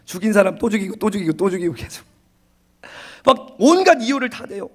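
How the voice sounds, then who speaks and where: Male pastor, slightly raised pitch, emphatic and repetitive sermon delivery, church setting. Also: very animated. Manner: emphatic, repeats phrases, acts out excuses in quick asides. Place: church sanctuary.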